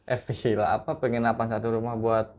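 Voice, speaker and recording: A man's voice: mid-range voice, flat delivery, brisk, darkish tone. A young man, a podcast guest telling his horror story in casual slang with acted quotes.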